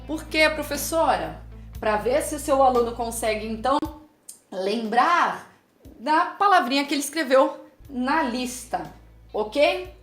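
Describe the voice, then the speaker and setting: A woman with a fairly high voice explains teaching methods to teachers. She talks in a lively way and keeps acting out little scenes between teacher and pupil. Her voice rings in an echoey room, and faint music plays behind her. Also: measured pace. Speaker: teacher and educational psychologist.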